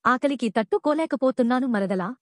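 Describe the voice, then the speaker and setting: A woman's voice: high voice, lively intonation, fairly quick, dry recording, studio quality. A woman voicing a hungry, cunning male fox who whines and threatens in a children's story. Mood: wheedling. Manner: wheedling then threatening.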